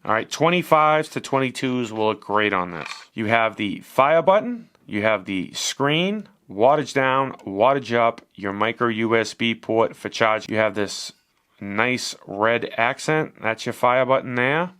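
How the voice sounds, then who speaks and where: A man's voice: mid-range voice, lively intonation, unhurried, fairly bright tone. A man giving a casual, chatty product review as he unboxes and shows a device, swearing now and then.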